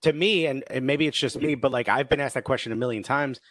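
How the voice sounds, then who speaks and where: A man with a New York accent tells stories in a relaxed group chat and jumps into the voices of the people he quotes. His voice sits at a middle pitch, and the recording is close and dry. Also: fast talker, no room sound. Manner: animated storytelling, acts out quoted voices. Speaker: podcast co-host. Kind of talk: casual chat.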